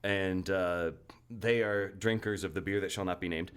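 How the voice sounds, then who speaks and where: A man with a very low, deep voice chats casually on a podcast. He rambles through his stories with plenty of fillers and restarts. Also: steady tone, normal speed, fairly bright tone, smooth. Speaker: podcast co-host. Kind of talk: casual chat.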